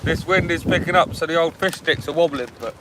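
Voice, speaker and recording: A man with a fairly high voice and a West Country English accent, chatting informally to live-stream viewers. His talk is slangy and casual. He is outdoors, with clear wind noise on the microphone. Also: fairly quick. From England. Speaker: live-stream host, angler. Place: outdoors on a windy beach.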